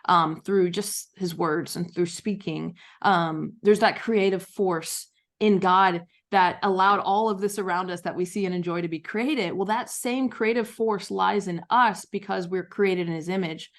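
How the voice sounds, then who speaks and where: A woman's voice: medium pitch, steady tone, a little slow. A woman author, a guest on a podcast interview, talking in an enthusiastic, storytelling way. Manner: enthusiastic, storytelling with acted quotes.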